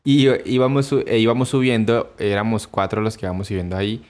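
A man's voice: fairly low pitch, flat delivery, fast talker, a little mellow. A young man with a Colombian accent telling stories in a casual podcast chat, laughing often and acting out quotes. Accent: Colombian Spanish. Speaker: podcast co-host.

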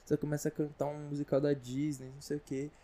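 A man's voice: on the high side, monotone, fast talker, mellow. A Brazilian man rambling through a comedic casual monologue, slangy and full of asides. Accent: Brazilian Portuguese. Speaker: vlogger.

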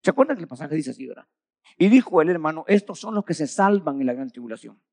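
Animated preacher man, bursts and drops. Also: a little high, fast, dry recording. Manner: animated storytelling with frequent "hermano"; swings between loud bursts and quiet drops. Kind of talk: sermon.

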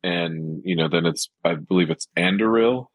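A man's voice: low-pitched, normal speed, dry recording. A man co-hosting a podcast, talking about a film in casual chat and rambling with lots of fillers. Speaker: podcast co-host.

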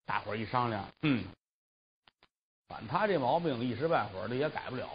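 Animated male storyteller, lo-fi tape. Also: mid-range voice, a little fast, slight background noise. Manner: animated, colloquial, conversational asides. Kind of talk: traditional storytelling performance.

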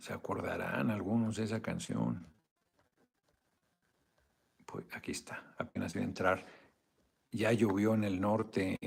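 Gravelly-voiced Mexican man chatting on a livestream. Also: on the low side. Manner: chatty, joking, swears casually, reads out viewer donations. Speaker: host of a live video chat. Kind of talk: casual livestream chat.

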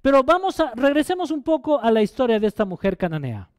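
A man's voice: very high voice, very animated, quick pace, darkish tone, smooth, no echo, clean studio sound. A male pastor preaching a sermon, asking the congregation questions and repeating phrases for emphasis.

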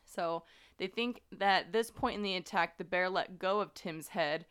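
Smooth-voiced woman telling a true-crime story. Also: fairly low pitch, normal speed, a bit bright. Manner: conversational, many fillers, earnest. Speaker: podcast host.

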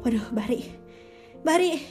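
A scared teenage boy in a spoken story calls out again and again, pleading in a strained, high register, as a woman narrator puts him on. The voice is pitched far above her own, with a mellow, soft edge. A faint musical instrument plays behind. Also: animated, a little slow, faint music behind. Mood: pleading, anxious. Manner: high pleading calls, repeating his friend's name. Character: panicked teenage schoolboy calling his fallen friend.

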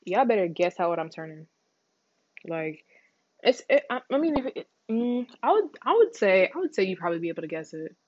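A teenage girl hosting her own podcast, chatting casually, rambling fast, running her words together and switching topics. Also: mid-range voice, very animated, a little mellow, no room sound, lo-fi sound. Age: teens. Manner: rambling, fast, words run together, slangy, says y'all a lot. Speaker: podcast host. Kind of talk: casual solo chat.

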